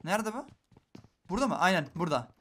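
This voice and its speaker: A young man giving live commentary while playing a shooter game, excitable and talking straight to his viewers, dropping to a hush and then bursting out loud. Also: high voice, fast talker. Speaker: gaming YouTuber.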